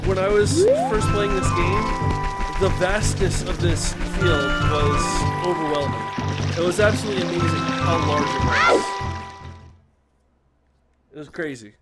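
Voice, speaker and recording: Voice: medium pitch, a little slow. A let's play host giving casual video game commentary with joking asides. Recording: loud game music behind voice.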